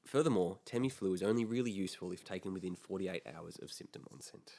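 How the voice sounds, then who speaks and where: A man's voice: low voice, quick pace, dark tone, a little hiss or hum. A man co-hosting a podcast, casually explaining health topics and sometimes dropping into mock voices. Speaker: podcast co-host.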